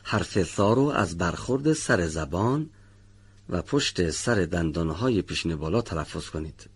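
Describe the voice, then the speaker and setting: A man teaching the pronunciation of a letter in a radio lesson, reading model words slowly and drawn out, then correcting learners one by one. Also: deep voice, lively intonation, slight background noise. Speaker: Quran recitation teacher.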